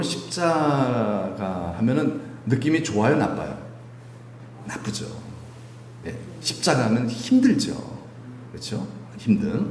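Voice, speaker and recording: A man's voice: mid-range voice, darkish tone, slight background noise. A man preaching a Sunday sermon as pastor, asking the congregation questions and chuckling often. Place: church sanctuary. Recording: echoey church sanctuary.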